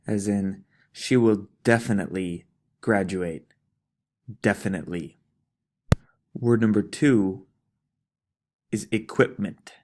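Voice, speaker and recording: A man giving slow school dictation as a teacher, reading out test items deliberately and enunciating each word with pauses. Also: fairly low pitch, darkish tone. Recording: noisy recording with clicks.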